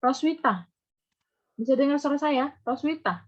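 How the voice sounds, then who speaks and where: A woman's voice: high voice, expressive, moderate pace, highs cut off. A woman lecturer teaching math in an online class, questioning and prodding her students. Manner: questions students, coaxing and scolding. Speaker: university lecturer. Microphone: video call.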